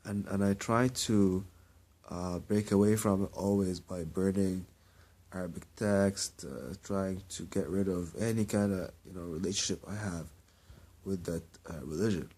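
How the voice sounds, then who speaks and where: A young man from Kuwait in a rambling personal monologue, halting and restarting, often repeating his words. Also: low-pitched, fairly even intonation, warm tone. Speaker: vlogger.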